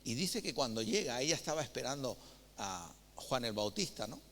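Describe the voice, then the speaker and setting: This sermon comes from a man with a Spain Spanish accent, who acts out dialogue while reading scripture and sharing anecdotes with lively storytelling. The church hall adds a long reverb, and his voice is medium in pitch at a normal speed.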